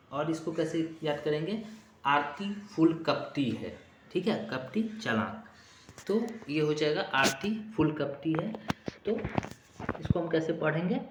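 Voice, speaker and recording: A man teaching an exam-prep vocabulary lesson, repeating memory tricks over and over and checking in with short asides. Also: on the high side. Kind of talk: classroom-style vocabulary lesson. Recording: echoey room with clear background noise.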